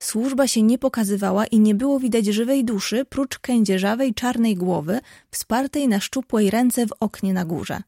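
A woman narrating a classic storybook as an audiobook reader, in a calm, even storytelling manner. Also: a little high, moderate pace, few pauses, no room sound, clean studio sound.

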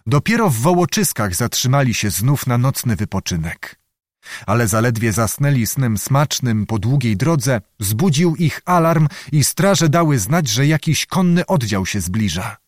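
A man reads a historical adventure novel aloud in a measured, dramatic way, his voice sitting in an ordinary middle pitch. The recording is close and completely dry, with no room sound. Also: sing-song, dry recording. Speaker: audiobook narrator. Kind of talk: scripted narration.

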